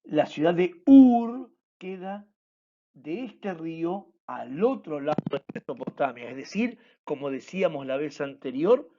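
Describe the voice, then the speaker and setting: Slow, deliberate man teaching. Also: on the high side, big pitch swings, background noise. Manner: slow, explanatory, repeats key words. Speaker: church class teacher. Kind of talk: recorded online lesson. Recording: dull lo-fi recording.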